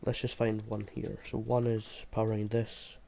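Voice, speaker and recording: A man's voice: fairly low pitch, little pitch movement, moderate pace, dark tone. A man who sounds unwell, giving an informal, hesitant gameplay tutorial as he thinks aloud. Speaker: video creator explaining a game build. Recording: clear background noise, mouse and keyboard clicks.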